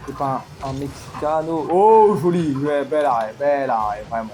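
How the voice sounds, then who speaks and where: A gamer commenting live on an online match, excitable, swinging from low mutters to loud outbursts. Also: normal speed, a little hiss or hum. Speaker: gaming commentator.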